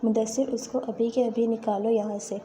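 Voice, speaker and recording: A woman's voice: fairly high pitch, flat delivery, dark tone, a little hiss or hum, close to an everyday voice. A woman reading the lines of a spiteful young rival in a storybook tale, taunting and gloating.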